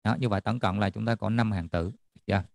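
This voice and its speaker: A man's voice: lowish voice, fast talker, creaky, dry recording, clean studio sound. A man tutoring a math class online, checking in often with students as he explains. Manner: checks in often with students, repeating "được chưa?".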